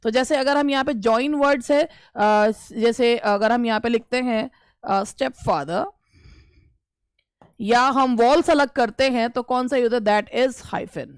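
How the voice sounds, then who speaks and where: A woman teaching A woman with an Indian accent gives an English grammar lesson for exam preparation. Her voice is fairly high and smooth, recorded dry and close. She reads each question deliberately, then explains it and answers her own questions. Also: no room sound. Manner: asks questions and answers them herself.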